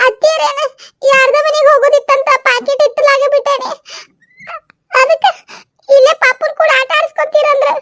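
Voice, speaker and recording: A sulky young wife, put on by a woman, squeals her protests in a piercingly high voice. She speaks with a North Karnataka Kannada accent and never stops whining about her innocence. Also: fairly bright tone. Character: shrill pushy young wife Nidhi, sulky and whiny.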